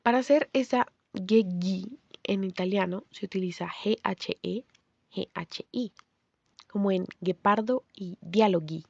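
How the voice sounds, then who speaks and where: A woman giving a scripted pronunciation lesson, explaining clearly and saying example words slowly. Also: mid-range voice, darkish tone, no echo, lo-fi sound. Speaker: language teacher.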